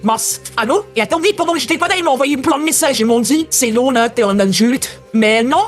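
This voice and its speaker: A man's voice: very high-pitched, lively intonation, a little fast, faint music behind, pitched above the performer's own voice. A man using a voice changer to pass as a twelve-year-old boy while playing a game, speaking in a playful put-on child voice. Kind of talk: gameplay commentary.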